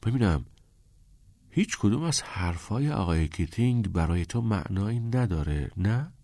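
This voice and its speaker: A man voicing a headstrong teenage schoolboy who bursts out excitedly and insists, in an audiobook reading. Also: lowish voice, dry recording. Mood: hushed. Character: eager, headstrong teenage schoolboy dreaming of acting.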